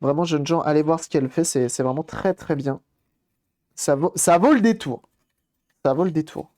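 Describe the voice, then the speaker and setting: A man's voice: a little high, moderate pace, warm tone. A man casually commenting on a live stream while repairing a game console, thinking aloud and greeting viewers as they arrive.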